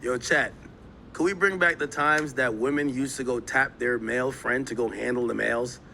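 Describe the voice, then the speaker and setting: A man streaming live, commenting on clips and talking straight to his chat in an animated, emphatic way. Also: medium pitch, normal speed, creaky, a little hiss or hum. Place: New York.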